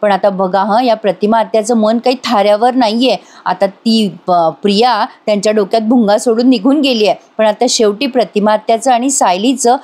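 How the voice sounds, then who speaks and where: A woman with a fairly high voice narrates a voice-over recap of a TV serial episode. She talks in a chatty way and turns to her viewers directly as she comments on the characters. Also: darkish tone. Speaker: TV serial reviewer.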